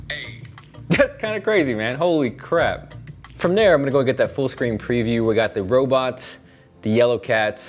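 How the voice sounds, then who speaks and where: A young man talks through a gadget review outdoors in a chatty, excited way. His pitch sits in an ordinary middle range. Soft music plays faintly behind him. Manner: upbeat, chatty, enthusiastic. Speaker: tech reviewer. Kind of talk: casual product review.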